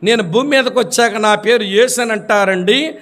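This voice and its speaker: A man voicing Jesus as a calm, assured male figure in a story told during a sermon. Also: sits high, normal speed.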